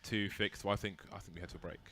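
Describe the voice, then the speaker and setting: A man's voice: sits low, steady tone, racing, pushed and bright. A man commentating a live esports match, joking and teasing his co-casters. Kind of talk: casual live commentary banter.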